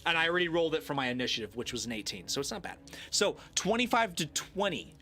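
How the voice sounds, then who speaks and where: A man running a tabletop game on a casual group stream as game master, narrating in a halting way with repeated words. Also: on the high side, very animated, pushed and bright.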